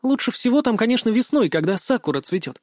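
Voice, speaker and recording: Audiobook role: a sour, wary young woman, read by a man, lifted pitch, short clipped answers. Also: sing-song, fast talker, darkish tone, no echo, studio quality. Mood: reminiscing. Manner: terse, reluctant replies. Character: guarded young Japanese woman, curt and sour.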